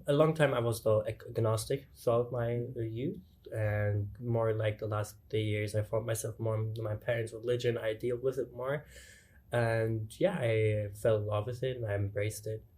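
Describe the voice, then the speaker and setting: A man's voice: on the low side, steady tone, normal speed, a little mellow. A young man from Germany, a student guest answering in an earnest way and often searching for words. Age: young adult. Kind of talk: casual interview answers.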